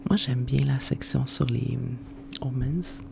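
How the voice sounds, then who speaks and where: An ASMR host with a Quebec French accent presents a book in a hushed, unvoiced library whisper, explaining things informally and without hurry. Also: mid-range voice, slow, creaky, noisy background.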